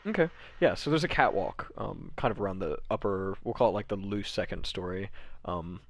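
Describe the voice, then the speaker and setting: A man's voice: fairly low pitch, fairly quick, creaky. A man narrating as game master of a tabletop game, rambling with many fillers and laughing easily.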